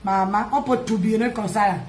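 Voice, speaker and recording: A woman, ranting and mocking on a live stream, loud, laughing and teasing. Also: medium pitch, fairly even intonation, a little fast, a little hiss or hum. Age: 50s. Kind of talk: Facebook live rant. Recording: echoey room.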